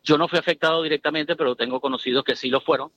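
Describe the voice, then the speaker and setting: A man's voice: fairly high pitch, fairly even intonation, fast, a bit bright, lo-fi sound. A middle-aged man from Venezuela, telling his story as a guest in a casual, emphatic interview chat.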